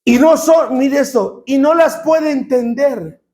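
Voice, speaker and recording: Man, pastor, middle-aged, very high voice, loud sermon with call-and-response. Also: slow pace. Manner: preaching with call-and-response and shouted emphasis.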